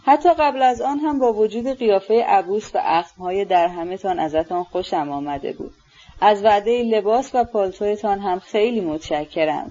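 A meek, sincere young prince, voiced by a woman in an audiobook, speaking low, soft and courteous. The tone is dark and mellow, with a dull lo-fi recording. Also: lightly acted.

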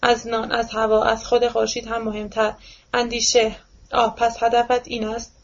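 A woman's voice: on the high side, completely flat delivery. A woman reading aloud and voicing a theatrical, self-pitying older man who hurls declamatory accusations in a dull lo-fi recording. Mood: accusing.

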